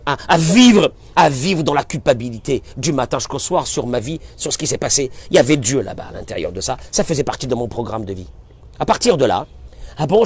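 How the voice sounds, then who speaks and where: A rabbi giving an impassioned sermon, swinging from quiet talk to shouting and acting out exchanges his listeners. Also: medium pitch, slightly rough. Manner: acts out dialogue with listeners, addresses them familiarly. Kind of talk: animated sermon.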